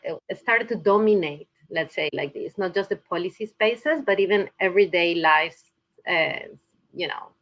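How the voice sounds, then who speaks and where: Heard over a video call with dull audio, a medium-pitched woman from Peru guests on a podcast as a climate researcher. She comes across as thoughtful, often restarting as she searches for words.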